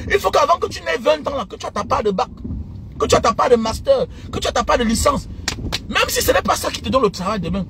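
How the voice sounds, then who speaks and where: Middle-aged man, vlogger lecturing listeners; very high, lively voice, pushes his points and repeats them, faint traffic behind. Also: fast, gravelly. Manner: emphatic, lecturing, repeats phrases, bursts of shouting. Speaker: vlogger giving life advice. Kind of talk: casual preachy monologue.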